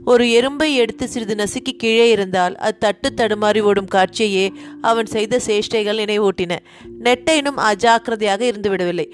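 A woman reading a story aloud in a steady, expressive voice. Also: mid-range voice. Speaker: narrator. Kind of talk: storybook narration.

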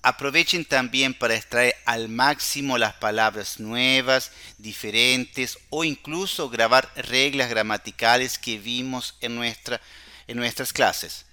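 A man's voice: medium pitch, steady tone, unhurried, sharp tone, clean tone. A man hosting a language podcast, explaining a recipe step by step as a Spanish teacher and constantly checking in with short tag questions. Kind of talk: slow explanatory recipe lesson. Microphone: podcast microphone.

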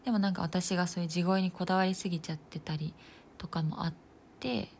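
A young woman in her twenties chatting casually on her own, thinking aloud as she goes, with plenty of fillers and the odd soft laugh. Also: lowish voice, steady tone, quick pace, gravelly, slight background noise. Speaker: nursing student podcaster. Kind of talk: casual solo talk.

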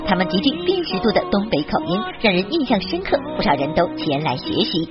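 A female entertainment reporter delivers scripted narration with lively, swinging intonation at a brisk pace. Music plays behind her slightly muffled voice. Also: medium pitch. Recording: slightly dull sound over loud music.

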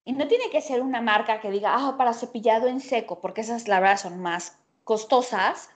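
A woman's voice: a little high, fairly quick, lo-fi sound. A woman in casual chat, enthusiastic and rambling. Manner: enthusiastic, rambling, many fillers.

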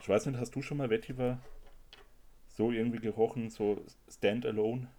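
A man in casual chat reviewing perfumes, talking in a lively way and laughing often. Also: mid-range voice, moderate pace. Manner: chatty, animated, laughs often while sniffing samples.

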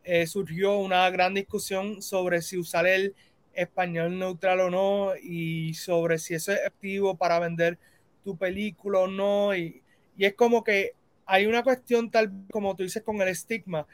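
An interview host with a mid-pitched voice leads a relaxed chat. The host thinks aloud with fillers and now and then switches into English. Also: measured pace, dry recording.

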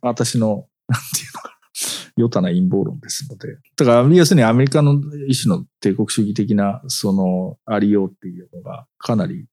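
A man's voice: on the low side, moderate pace, dark tone, no room sound. A man co-hosting a casual podcast, rambling and thinking aloud with many fillers as he explains his view. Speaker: podcast co-host.

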